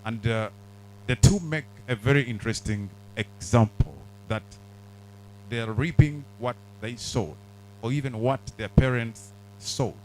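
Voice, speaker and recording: A man hosting an event, thanking guests and speaking to viewers in a deliberate way with fillers. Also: medium pitch, darkish tone, slight background noise, poor audio. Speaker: host.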